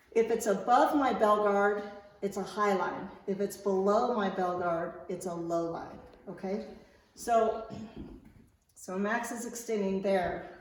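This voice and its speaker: Woman fencing coach in a very echoey room. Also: mid-range voice. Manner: informal, checks understanding with okay. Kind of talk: instructional demonstration, explaining step by step.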